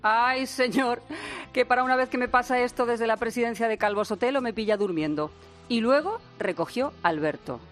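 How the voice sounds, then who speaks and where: A woman's voice: fairly high pitch, fairly quick, soft background music. A woman radio host delivering a humorous diary column in a wry, playful manner.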